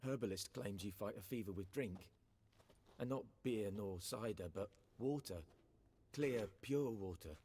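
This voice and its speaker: An actor playing a worried peasant father in a video game, speaking in rustic dialect and pleading for help with a husky voice. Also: fairly low pitch, measured pace, mellow.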